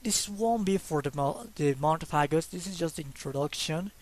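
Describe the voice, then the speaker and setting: With a fairly high pitch and lively intonation, a young man from Mexico talks at a moderate pace about the drawings he makes as a hobby. His English carries a Mexican Spanish accent, and his casual, hesitant delivery is full of fillers and restarts, with some self-conscious laughter.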